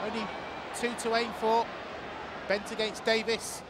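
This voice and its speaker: A man giving live play-by-play football commentary in an excitable manner that can rise to shouts. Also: sits high, measured pace. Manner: excitable, rising to shouts at key moments. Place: outdoor football stadium. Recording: loud crowd noise over live commentary. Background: loud stadium crowd.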